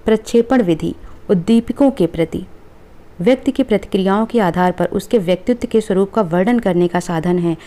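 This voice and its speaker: A female teacher speaking a little fast, with a mid-range pitch and dark tone, goes through exam questions in a review lesson. She reads each multiple-choice option aloud, often pausing on "ठीक है" to check in with the class.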